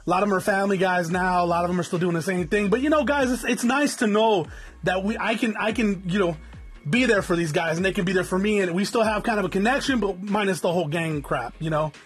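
Podcast host, man in his forties, fast and rambling with a stuffy nose, husky high voice. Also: faint music behind. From Southern California. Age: 40s. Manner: rambling, repeats words, cusses freely. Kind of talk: casual unscripted podcast monologue. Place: home in the desert.

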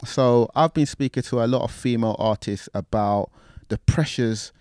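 A male interviewer talks in casual, laid-back street slang. His voice sits at an average male pitch, and the sound is dry with very little room. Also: moderate pace, darkish tone, clear, resonant tone, no room sound.

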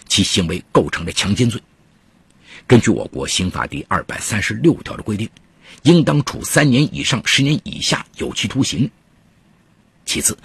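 Male true crime narrator: strongly raspy, dramatic scripted storytelling, emphatic delivery, close dry sound. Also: on the low side, fairly bright tone, no echo.

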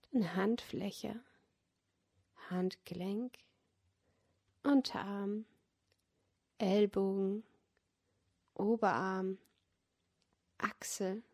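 A woman guiding a yoga nidra meditation in a soft, half-whispered, soothing way. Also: mid-range voice. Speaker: meditation guide.

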